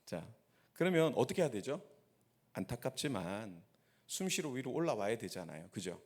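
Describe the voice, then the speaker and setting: A man's voice: mid-range voice, sing-song, moderate pace. Pastor, male, mid-range voice, preaching a sermon to his church and drawing listeners in with questions. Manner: storytelling with rhetorical questions to the congregation. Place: church sanctuary.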